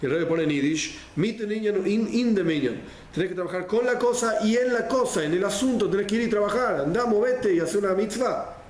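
Speaking fairly quickly with hardly any pauses, a man with a high, darkish voice and a Rioplatense Spanish accent teaches a Torah class. He explains step by step, repeating phrases and weaving in Hebrew and Yiddish terms, while the recording carries roomy echo and faint background noise.

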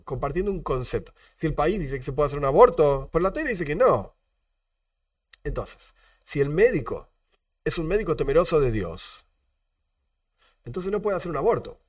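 A man with an Argentine Spanish accent, teaching a religious lesson as a rabbi, animated, asking rhetorical questions and repeating his disclaimers. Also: fairly high pitch, no room sound, studio quality, far from the mic.

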